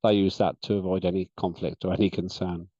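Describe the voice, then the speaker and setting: Man, chairing a meeting, deliberate, "uh" fillers, warm dark tone, dry and slightly muffled call audio. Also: low voice, little pitch movement, no echo. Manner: measured, deliberate, with frequent "uh" fillers. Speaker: parliament session chair.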